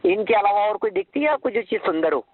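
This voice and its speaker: A man giving a devotional discourse, slowly chanting verses and then explaining them in a conversational way, asking listeners rhetorical questions. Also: high voice, lively intonation, no room sound, narrow, tinny audio. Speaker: religious lecturer.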